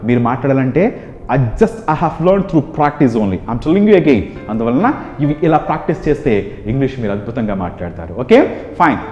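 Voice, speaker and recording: A man with a Telugu accent teaching spoken English, drilling phrases in rapid rhythmic lists. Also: mid-range voice, sing-song, a little mellow. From India. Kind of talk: classroom English lesson. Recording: echoey room, dull sound, music behind.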